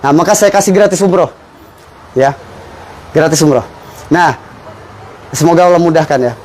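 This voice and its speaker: A man giving an informal motivational business pitch, persuasively explaining and punctuating his points with rhetorical questions. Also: moderate pace, a little mellow, a little hiss or hum, rough recording. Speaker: business presenter explaining a fertilizer sales strategy.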